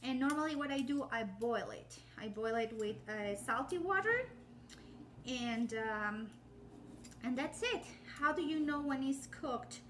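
Chatty woman, high voice. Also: lively intonation, a little slow, fairly bright tone, a little hiss or hum. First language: Spanish. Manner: chatty and rambling, with many fillers and self-corrections. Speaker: home cooking channel host. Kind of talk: casual cooking demonstration. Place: home kitchen, indoors. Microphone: phone or camera set up on the counter, framed from the waist up.

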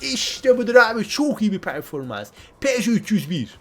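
Excitable man commentating a game. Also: high-pitched, moderate pace. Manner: excitable, repeats words when thrilled, addresses viewers as friends. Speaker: gameplay commentator.

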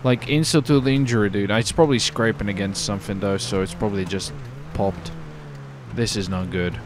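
Speaking a little fast in a fairly low, fairly even voice, this gamer narrates a game roleplay in character amid noisy game ambience and vehicle sounds. His commentary is casual and full of exclamations, plus occasional swearing.

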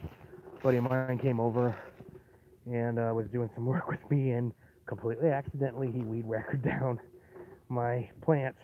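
A man's voice: mid-range voice, flat delivery, moderate pace, pauses often. Male homesteader, chatty walkaround vlogger, filler-heavy delivery; outdoor phone recording, thin and tinny with faint hiss. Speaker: homesteader giving a property tour. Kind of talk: casual walkaround narration. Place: outdoors on a rural homestead yard. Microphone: phone camera held while walking. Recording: tinny phone-line sound with faint noise.

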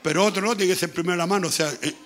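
A man with a Chilean accent preaching a sermon as pastor, with a hoarse, gravelly voice, talking loudly and repeating himself as he goes. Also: sits high, very fast. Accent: Chilean Spanish. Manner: speaks loudly, conversational preaching with frequent repetition. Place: church.

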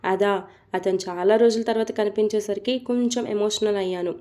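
A woman voicing a hurt, sharp-tongued young wife who speaks reproachfully in an audio story. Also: medium pitch, fairly even intonation, a little fast, natural voice. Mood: angry.

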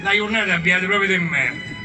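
A man voicing a gruff, foul-mouthed rustic horseman who grumbles in coarse dialect. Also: high voice, fairly quick, over music, lightly acted, low-quality recording. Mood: grumbling.

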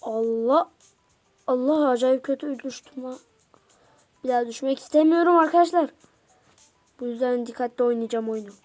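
A woman giving let's play commentary to her viewers, excitable and slangy, repeating phrases in quick bursts. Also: high voice, faint music behind. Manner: slangy casual talk to viewers. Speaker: gamer.

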